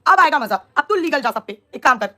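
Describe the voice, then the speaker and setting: A woman's voice: high-pitched, sing-song, fast talker, sharp tone. A young woman on a live stream, scolding and taunting a rival in an angry, combative rant.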